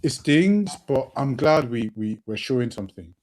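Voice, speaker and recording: In casual football podcast talk, a co-host with a mid-range, darkish voice speaks expressively at a moderate pace. He sniffles from hay fever and, fired up, frequently repeats words as he thinks things over.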